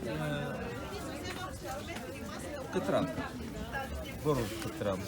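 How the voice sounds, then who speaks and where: Bulgarian accent stall seller, halting non-native speech, chatting about goods, loud market crowd all around. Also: medium pitch, expressive. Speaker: craft market soap vendor. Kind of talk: casual sales chat. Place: busy outdoor craft fair. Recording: noisy outdoor market crowd, off-mic.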